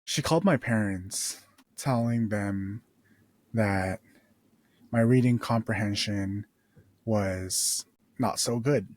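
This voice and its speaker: A man in his twenties hosting a casual podcast tells a personal story without hurrying, rambling, restarting sentences, and using relaxed slang. His voice leans low and a bit mellow, and the room sounds dry with little reverb.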